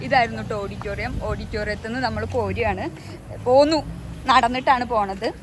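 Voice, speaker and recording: High-voiced young Kerala woman mixing Malayalam and English. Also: quick pace. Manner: mixes English words and phrases into Malayalam. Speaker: vlogger. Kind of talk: casual vlog chat to viewers. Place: outdoors, walking along streets. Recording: noisy outdoor street with traffic.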